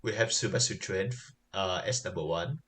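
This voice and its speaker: A man co-hosting a podcast, talking casually about anime in a halting way, with many fillers and quick agreements. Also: sits low, fairly bright tone. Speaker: podcast co-host. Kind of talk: casual chat reviewing anime.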